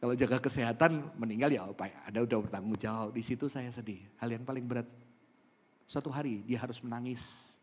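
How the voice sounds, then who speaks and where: A male pastor with an Indonesian accent preaching an Easter sermon, swinging from emphatic peaks to soft storytelling. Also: medium pitch, husky. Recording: long hall reverb.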